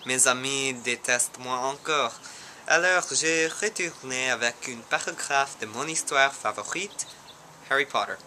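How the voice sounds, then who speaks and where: A teenage American boy, a native English speaker, reading aloud in learner's French with a clear American accent, halting and correcting himself on harder words. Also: mid-range voice, background noise. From United States. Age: teens. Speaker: language student.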